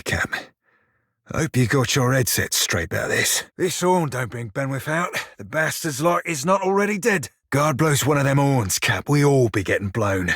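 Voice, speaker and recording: In video game dialogue, a male actor plays a wry, foul-mouthed pirate shiphunter, using colloquial sailor's dialect in a gritty, husky voice. It's mid-range and fairly bright, captured as a dry, studio-quality recording.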